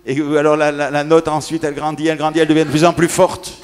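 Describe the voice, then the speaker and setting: A man interpreting a sermon live, echoing each of the preacher's phrases, with small stumbles and occasional shouts. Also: on the high side, flat delivery, fast talker. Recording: echoey hall.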